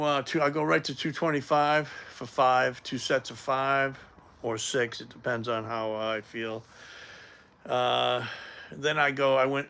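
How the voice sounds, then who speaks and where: A man chats loosely on a live stream, greeting viewers as they show up. His voice is bright and forward, and he rambles with frequent fillers. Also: medium pitch, clean tone. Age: 50s. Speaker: livestream host. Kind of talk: casual live stream chat. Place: home gym.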